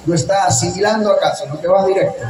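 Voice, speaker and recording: A man preaching a sermon, telling a story with animated, emphatic delivery. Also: high voice, quick pace, roomy sound, distant mic, a little hiss or hum, low-quality recording. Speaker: pastor.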